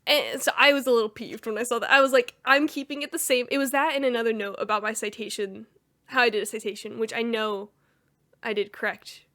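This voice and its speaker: A woman's voice: fairly high pitch, fairly even intonation, fast talker, a bit bright. A young woman co-hosting a podcast, chatting casually and rambling through a story with frequent laughs. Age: young adult. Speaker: podcast co-host. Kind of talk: casual chat.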